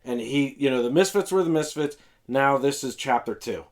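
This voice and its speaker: A man with a mid-range voice talks records with a friend. He is thoughtful and hesitant, pausing and restarting as he works out his views. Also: medium pitch. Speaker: guest, longtime fan. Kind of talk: casual chat about records.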